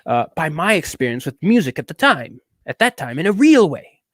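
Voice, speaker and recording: A drunk man putting on an affected fake British accent to read aloud in a slow, grand, pompous way. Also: a little high, big pitch swings, fairly bright tone, no echo.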